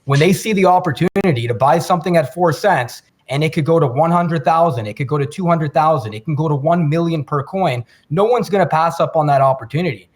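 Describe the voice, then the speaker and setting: A man co-hosting a finance podcast, explaining markets in a measured, lecturing way. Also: fairly high pitch. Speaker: podcast co-host. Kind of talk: casual chat.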